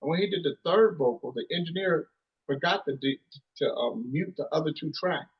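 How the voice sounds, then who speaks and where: Briskly and with a breathy edge, the man in his thirties, a musician guest, rambles through casual interview anecdotes, restarting often and saying "you know." His pitch is fairly high, and the recording's highs are cut off.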